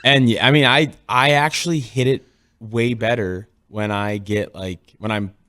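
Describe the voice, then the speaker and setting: A man co-hosting a golf show, chatting in a relaxed, hesitant way. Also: mid-range voice, measured pace. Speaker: co-host. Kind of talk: casual chat.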